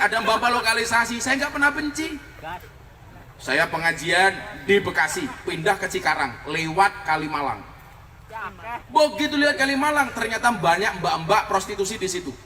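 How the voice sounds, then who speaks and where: A man preaching a comic sermon to an outdoor crowd, joking and loud. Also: high-pitched, moderate pace. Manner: joking, loud, mixes local slang. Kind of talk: comic open-air sermon. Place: outdoor field gathering. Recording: echoey field recording from far off. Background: crowd laughing.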